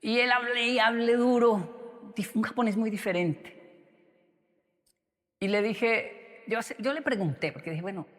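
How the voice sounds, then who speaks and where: A man preaching a sermon, telling a story in an animated way. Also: extremely high pitch, measured pace, pauses often, in a large hall. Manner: animated, acts out quotes. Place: church.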